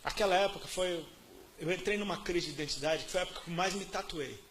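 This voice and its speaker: High bright-voiced Brazilian preacher. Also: male voice, fast, a little hiss or hum. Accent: Brazilian Portuguese. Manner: casual slang-filled testimony with many repetitions; swings between soft murmurs and loud outbursts. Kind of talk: sermon.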